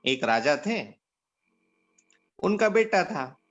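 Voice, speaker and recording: An organisation leader from India gives an instructive talk to volunteers, teaching through short parables. He speaks slowly and deliberately, with big pitch swings, in a storytelling manner; the recording is muffled.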